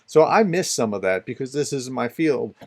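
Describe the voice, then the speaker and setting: A man hosting a beginner's software tutorial, chatting casually as he clicks through the steps. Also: medium pitch, animated, normal speed. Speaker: tutorial host. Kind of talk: casual screen-share tutorial.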